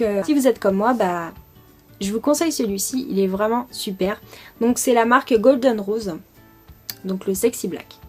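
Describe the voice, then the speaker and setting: A woman's voice: mid-range voice, a little mellow. Chatty French woman reviewing makeup. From France. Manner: chatty, many fillers, enthusiastic about products. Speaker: beauty vlogger. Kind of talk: casual product review.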